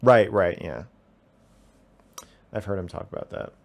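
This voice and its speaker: A man's voice: low-pitched, animated, measured pace, creaky. Defensive, swearing young man on stream. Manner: defensive, profane, rambling. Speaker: call-in show host reading chat. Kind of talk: casual livestream chat.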